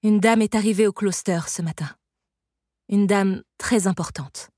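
A woman voicing a stern, sorrowful sorceress who cares for an orphan girl, speaking calmly and firmly in an audiobook. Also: medium pitch, a little slow, no echo, studio quality, close to an everyday voice. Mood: gentle. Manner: calm, firm, soft-spoken. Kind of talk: audiobook reading.

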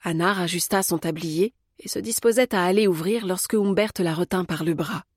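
A woman reading an audiobook as narrator, in a calm, measured way. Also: on the low side, slightly rough, no echo, studio quality. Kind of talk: scripted narration.

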